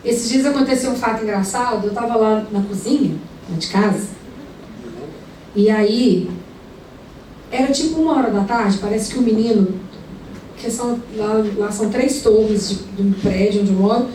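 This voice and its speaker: A woman's voice: mid-range voice, moderate pace, dark tone. A young adult woman from preaching a sermon in a conversational storytelling manner, full of rhetorical questions. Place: large indoor event hall. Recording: echoey hall, mic far away, faint room noise.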